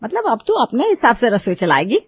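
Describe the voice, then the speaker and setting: A woman voicing a sharp-tongued traditional mother-in-law who scolds loudly in a cartoon story. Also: wildly swooping pitch, a little fast, husky, no room sound, heavily acted. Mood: scolding. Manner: scolding, shrill and loud. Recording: dull lo-fi dry recording.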